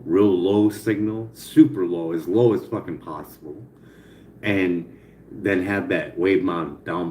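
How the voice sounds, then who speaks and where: Low-pitched male, toothless articulation, rambling off the cuff, echoey room. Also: dark tone. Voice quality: slurred articulation from missing teeth. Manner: rambling, repetitive, profane. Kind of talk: casual spoken brainstorming to an AI chat. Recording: roomy echo, faint background noise.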